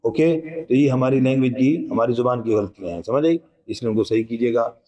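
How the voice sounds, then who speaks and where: A man's voice: mid-range voice, a little fast, dark tone, rough recording. A man teaching recitation, patiently explaining each sound and quizzing his students, sometimes chanting verses in a long melodic tone. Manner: patient, explains letter by letter and asks the class questions. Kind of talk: recitation pronunciation lesson.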